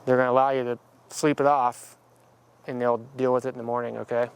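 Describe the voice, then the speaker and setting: A man's voice: medium pitch, flat delivery, fairly quick, creaky, clean tone. A man working as a police officer, speaking firmly and matter-of-factly, then recapping to camera. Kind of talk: on-duty talk and recap to camera.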